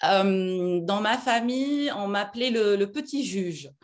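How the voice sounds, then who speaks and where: A woman's voice: mid-range voice, lively intonation, measured pace. A middle-aged woman from Algeria, a lawyer being interviewed, talking with many fillers and restarts. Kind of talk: casual interview talk.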